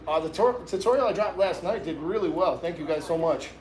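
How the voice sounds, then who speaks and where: Speaking a bit quickly with lively intonation and a fairly high pitch, a man runs a livestream haircut tutorial as a barber. He uses informal slang and addresses viewers directly, in echoey, rough-quality audio.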